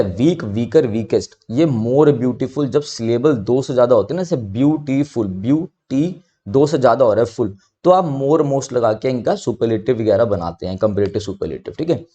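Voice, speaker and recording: A man with an Indian accent teaching an exam-prep English grammar lesson, reading example sentences slowly and checking in with rhetorical questions. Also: mid-range voice, dark tone, muffled recording. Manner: explains step by step, reads example sentences slowly.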